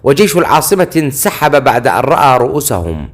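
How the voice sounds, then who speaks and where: A man's voice: medium pitch, big pitch swings, fast talker. A man voicing a frightened palace guard who speaks in a trembling voice. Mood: fearful.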